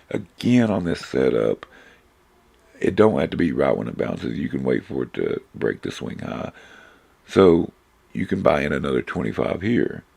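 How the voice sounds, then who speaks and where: Very deep, gravelly hoarse man teaching. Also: a little mellow. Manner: informal, rambling, many fillers and self-corrections. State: hoarse, losing his voice. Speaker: trading instructor. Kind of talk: casual screen-share charting lesson.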